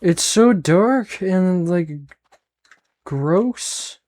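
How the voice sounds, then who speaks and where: Young male streamer with a soft-edged, mellow voice. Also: high-pitched, expressive, extremely slow. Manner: playful, sweary. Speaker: game streamer. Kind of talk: casual live gameplay reaction.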